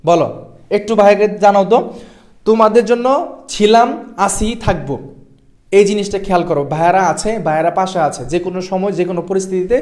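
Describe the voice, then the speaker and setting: High-voiced male tutor with a light tinge, coaxing, repeats points for exam students. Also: a little fast, darkish tone. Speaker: admission test tutor. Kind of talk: online class lecture.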